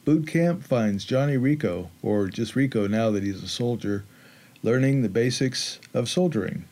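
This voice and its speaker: Mellow male recap narrator. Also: medium pitch, lively intonation, normal speed, soft background music. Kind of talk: scripted narration.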